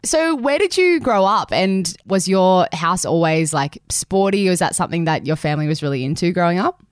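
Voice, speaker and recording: A woman hosts a podcast interview in a chatty, rambling way. Her voice sits a little low. The sound is dry and close. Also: expressive, brisk, clean tone, dry recording. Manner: chatty, many fillers and restarts. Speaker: podcast host. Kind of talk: casual interview.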